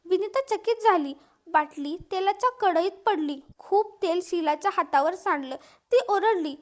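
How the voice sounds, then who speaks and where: A woman narrates an emotional family story in a calm, even, scripted reading. Her voice sits very high. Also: moderate pace.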